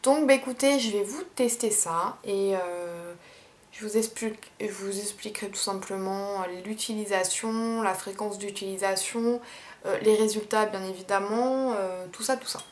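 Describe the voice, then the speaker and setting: A young woman chatting casually in a haul vlog, unhurried, with many fillers. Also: mid-range voice. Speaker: beauty vlogger.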